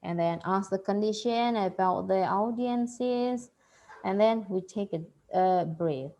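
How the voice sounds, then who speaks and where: A woman leads a slide-based workshop at a slow, unhurried pace. Her pitch sits in the middle range, and she pauses often, filling the gaps with "uh" and a repeated "yeah" as she works through each point. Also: mellow, highs cut off. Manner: hesitant, many fillers and repeated "yeah". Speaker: workshop presenter.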